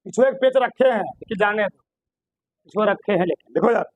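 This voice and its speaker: A man's voice: high-pitched, normal speed, narrow, tinny audio. A male physics teacher, giving a classroom lecture, repeating points and quizzing his students with questions.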